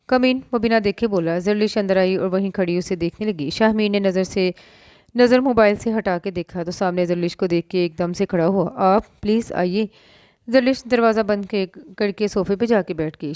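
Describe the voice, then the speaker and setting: A woman narrates a romance novel in a steady, even voice of ordinary pitch. The sound is dry and close, with no room around it. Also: clear, resonant tone, dry recording. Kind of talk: novel reading.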